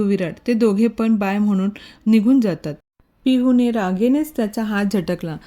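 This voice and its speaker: A woman narrating a romantic story in a calm, even storytelling manner. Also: mid-range voice. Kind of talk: scripted narration.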